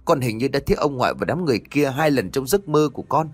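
Narrator voicing a desperate young man, lively pitch, close dry sound. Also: fast talker, breathy edge, dry recording. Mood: uneasy.

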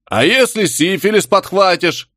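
A man's voice: sits high, expressive, measured pace, a bit bright, no echo, studio quality, voice pushed up, exaggerated voice. A man voicing a rowdy, crude crowd of male savages, jeering and bickering.

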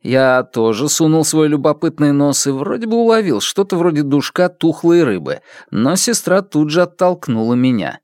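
A man narrates a literary novel aloud with lively, rising and falling intonation. The recording is close and dry, with no room sound. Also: a little high, moderate pace, few pauses, no room sound. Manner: expressive, varied reading. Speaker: audiobook narrator.

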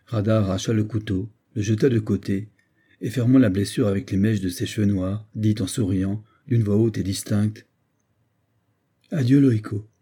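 A man narrating an old story as an audiobook in a measured, even way. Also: lowish voice, slightly rough. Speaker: reader.

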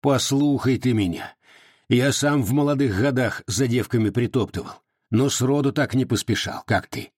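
A man voicing a gruff, plainspoken rustic Cossack in an audiobook, talking in rough dialect with a husky voice. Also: mid-range voice, normal speed, a little mellow, dry recording, studio quality, lightly acted. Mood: blustery.

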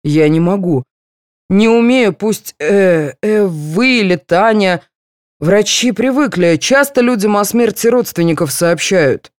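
A woman's voice: medium pitch, expressive, a little slow, no room sound, studio quality, close to an everyday voice. A woman reading an audiobook, voicing a nervous, fussy man who leads an amateur theatre troupe. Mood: scared. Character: flustered anxious male troupe leader.

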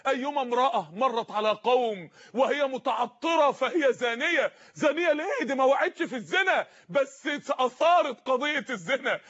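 A man preaching an impassioned sermon in an Egyptian accent, pleading and shouting, repeating his phrases for emphasis. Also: very high voice, muffled recording. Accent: Egyptian Arabic.

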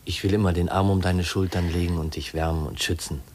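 An actor playing a gentle, protective young man in a 1950s radio drama, soft and soothing. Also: low-pitched, little pitch movement, a little fast, a little hiss or hum, close to an everyday voice.

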